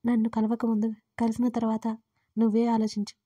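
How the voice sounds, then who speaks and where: A woman voicing a gruff, teasing young husband who scolds and jokes in quiet banter. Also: a little high, monotone, brisk, no room sound. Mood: affectionate.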